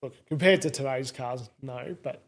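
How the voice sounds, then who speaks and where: Male, broad Australian accent, medium pitch, casual conversation, colloquial, self-deprecating. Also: normal speed. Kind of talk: casual car chat.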